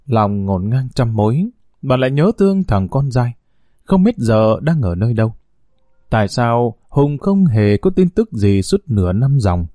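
A man narrating a scripted audio story in a steady storytelling manner. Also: mid-range voice, unhurried, no echo, clean studio sound.

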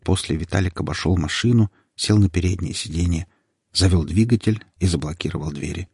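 A man narrating a first-person audiobook in a steady, dramatic storytelling manner. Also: low-pitched, a little fast, creaky, breathy edge, dry recording, clean studio sound. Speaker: audiobook reader.

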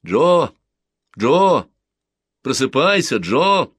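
A man reading the part of an older orphan boy who calls out loudly and pries with questions. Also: medium pitch, big pitch swings, moderate pace, slightly rough, dry recording, clean studio sound, pitched above the performer's own voice. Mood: prying. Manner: loud, prying, teasing.

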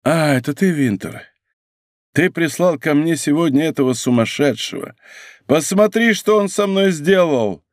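A man's voice: on the high side, moderate pace, darkish tone, no echo, clean studio sound, close to an everyday voice. A man voicing a proud English duke who speaks with haughty command and later grows faint and weak. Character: proud English duke, imperious then dying.

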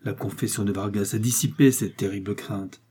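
A man reading aloud plays a reluctant, anxious aunt who speaks hesitantly and pleads. The voice stays dark and slightly husky, as in a spoken storybook. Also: lowish voice, fairly even intonation, normal speed.

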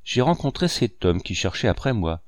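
A man's voice: on the low side, very animated, moderate pace, no room sound, clean studio sound. A man voicing an eager, courteous young man in a storybook reading. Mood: earnest.

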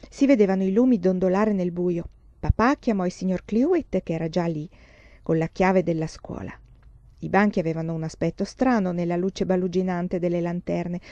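A woman narrates a novel aloud in a slow, calm, expressive way. Her voice is warm and mellow. The recording is dry, close and somewhat dull. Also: on the low side, no room sound. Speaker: audiobook reader. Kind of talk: scripted narration.

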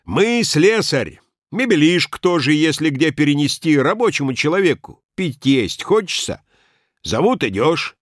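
A man reading a story aloud and voicing a gruff, stubborn working-class handyman who speaks in rough colloquial phrases. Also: fairly high pitch, sing-song, unhurried, no echo, studio quality, pitched above the performer's own voice. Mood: cocky. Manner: rough colloquial speech, offhand and cocky. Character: gruff male handyman, crude, stubborn and boastful.

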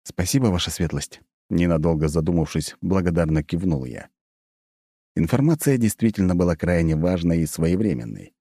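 A man reading first-person audiobook narration in a calm, measured way. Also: low-pitched, dry recording, clean studio sound.

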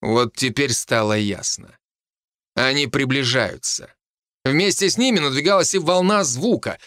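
A man narrating an audiobook in the first person, telling it in an expressive, animated way. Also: medium pitch, measured pace, no echo, studio quality.

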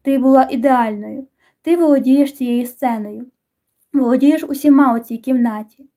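A woman's voice: high-pitched, moderate pace. A woman voicing a brooding, tender teenage boy. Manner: soft-spoken, dry. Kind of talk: audiobook dialogue reading.

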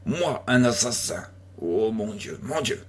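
Man playing a terrified young servant in an audiobook, sobbing and begging, husky voice. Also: fairly low pitch, expressive, slow pace, full character voice. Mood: sobbing plea. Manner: pleading, broken by sobs.

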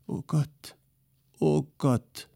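An exhausted aging woman from an audiobook story, wailing in despair, voiced by a male narrator. Her voice lifts higher than the narration and turns drawn-out and soft. The sound is dry and close. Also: fairly even intonation, vocal fry, no room sound, heavily acted. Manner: wailing, pleading.

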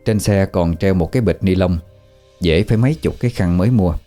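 A man narrating a horror story in a vivid, measured way. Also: low-pitched, mellow, faint music behind.

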